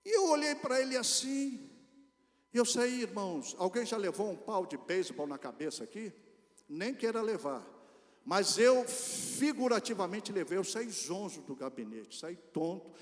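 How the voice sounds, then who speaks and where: A man from Brazil with a Brazilian accent, preaching a storytelling sermon and speaking directly to the congregation in an animated way. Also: high-pitched, normal speed. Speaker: pastor. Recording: reverberant church hall.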